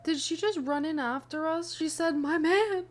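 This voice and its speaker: A woman's voice: sits high, fairly even intonation, normal speed. A young woman streaming a game live, reacting with bewildered questions and talking to her chat. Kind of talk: live gameplay commentary.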